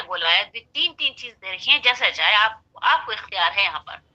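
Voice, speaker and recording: A woman's voice: on the high side, pushed and bright, dull audio. A woman teaching Quran recitation, patiently spelling out syllables and repeating them.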